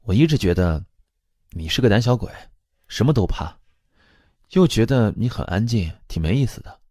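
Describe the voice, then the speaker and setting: A man's voice: on the low side, lively intonation, normal speed, a little mellow, dry recording, clean studio sound. Man playing a cold, blunt older sister. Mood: cool. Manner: cool, matter-of-fact.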